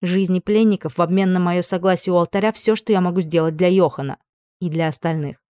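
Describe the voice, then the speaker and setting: A woman's voice: fairly low pitch, fast, warm tone, clean tone, no echo, studio quality, lightly acted. A woman voicing a young noble lady who gives tired, stern commands in an audiobook. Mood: reproachful.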